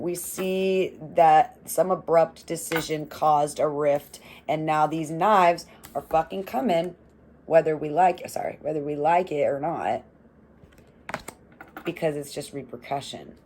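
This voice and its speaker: Low-voiced, slow-talking woman reading tarot. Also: a little hiss or hum. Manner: swears freely, laughs often, animated and rambling. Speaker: tarot reader.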